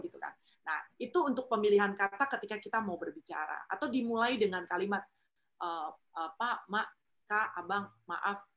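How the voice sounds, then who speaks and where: A woman speaking, giving a casual faith talk. Her delivery is lively and chatty, with steady tag questions. She slips into playful voices for the people she quotes, and her pitch sits in the middle range.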